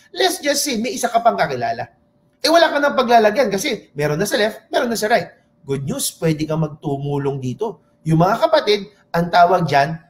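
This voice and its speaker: A man from the Philippines giving an animated sales pitch at a seminar, asking and answering his own questions, calling for applause and mixing in English phrases. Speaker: seminar presenter.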